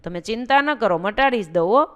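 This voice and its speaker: A woman voicing a kindly but firm old male holy man in a devotional story, speaking briskly and reassuringly. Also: fairly high pitch, lively intonation, fairly bright tone, lo-fi sound.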